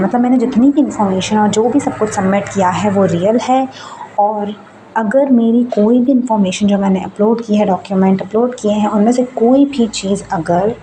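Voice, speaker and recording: A young woman student talks casually in a vlog. She reads form text out slowly and then explains it in Hindi. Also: medium pitch, mellow, a little hiss or hum, poor audio. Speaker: student vlogger.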